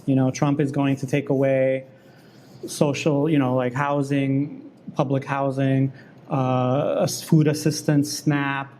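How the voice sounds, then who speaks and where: A man in the guest seat of an interview, arguing his case insistently and quickly, often cutting in. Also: mid-range voice, little pitch movement, darkish tone, a little hiss or hum. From New York. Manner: fast, insistent, interrupts and argues back. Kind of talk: heated political debate.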